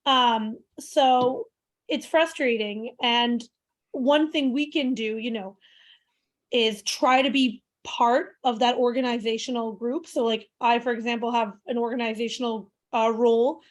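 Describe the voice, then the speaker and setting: A woman referee speaking frankly in a focus group over a video call, with pauses and restarts. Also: fairly high pitch, steady tone. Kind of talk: casual discussion.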